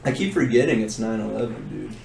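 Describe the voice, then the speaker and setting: A man's voice: on the low side, a little fast, creaky, darkish tone, distant mic. A young man co-hosting a podcast in casual chat, dropping dry one-liners. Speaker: podcast co-host. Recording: echoey room, off-mic, noisy.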